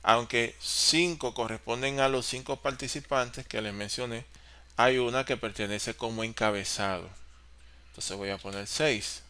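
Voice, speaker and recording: A man teaching an online class on office software, explaining step by step and answering his own questions. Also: medium pitch, fairly even intonation, a little slow, clean tone. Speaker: course facilitator.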